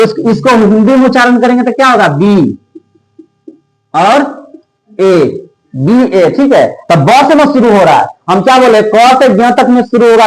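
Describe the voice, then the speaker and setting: High-voiced teacher drilling grammar. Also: male voice, low-quality recording. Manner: repeats "theek hai" often and quizzes the listener with rhetorical questions. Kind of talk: exam-prep grammar lesson.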